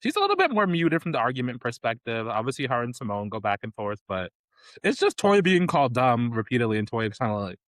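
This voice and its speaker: A man's voice: mid-range voice, huge pitch swings, fast, a bit bright, dry recording. A man co-hosting a podcast in casual chat, recapping with frequent laughter. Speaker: podcast co-host.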